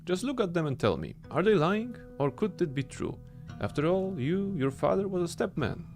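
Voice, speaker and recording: Brief: male streamer voicing a haughty young rich heir, lively pitch, game dialogue read aloud, faint music. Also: normal speed. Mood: firm. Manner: lofty, formal reading of game dialogue.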